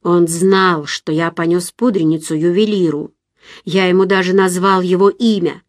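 A woman reading the lines of a suspicious, menacing young man in an audiobook, low, slow and guarded. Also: fairly even intonation, dry recording, studio quality, close to an everyday voice. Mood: wary.

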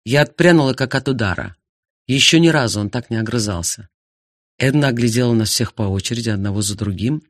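A man's voice: mid-range voice, brisk, no room sound, studio quality. A man reading first-person narration in an audiobook, expressively. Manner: expressive, animated. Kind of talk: scripted narration.

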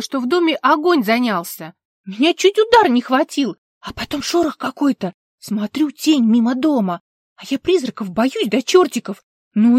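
A woman voicing a loud, blunt, earthy actress who talks bluntly and at length, in an audiobook reading. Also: high voice, dry recording, studio quality, voice pushed up.

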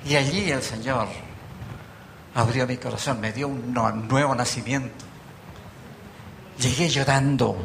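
Gravelly Chilean preacher. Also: male voice, medium pitch, slight background noise. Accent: Chilean Spanish. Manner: storytelling, rhetorical questions, gently humorous. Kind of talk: sermon. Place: church meeting hall.

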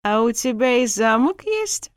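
A woman reading a fantasy audiobook voices a tipsy, cheeky young princess bride in a high, giggly, sing-song voice. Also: sing-song, measured pace, dry recording, studio quality. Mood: tipsy teasing. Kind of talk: audiobook character voice.

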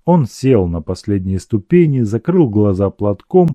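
A man narrating a classic novel in a measured, even storytelling manner. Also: lowish voice, no room sound, studio quality. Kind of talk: audiobook reading of a classic novel.

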